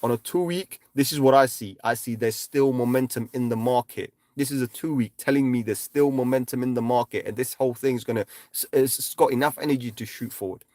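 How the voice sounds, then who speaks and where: A man casually walking viewers through trading charts on a livestream. He talks emphatically, speeds up in bursts, slows down to stress his points and keeps tagging lines with "right?". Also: mid-range voice, a little mellow, dry recording, studio quality. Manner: emphatic, repeats "right?" constantly. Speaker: crypto chart analyst livestreaming.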